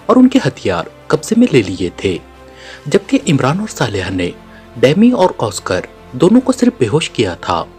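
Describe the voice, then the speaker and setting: A man's voice: mid-range voice, darkish tone. A man narrating a spy novel as an audiobook, reading the story and voicing each character's lines himself.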